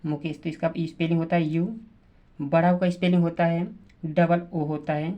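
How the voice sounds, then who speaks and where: A woman teacher, explaining spelling slowly, repeating words and sounding out letters. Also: sits low, little pitch movement, dull audio. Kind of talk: slow classroom explanation.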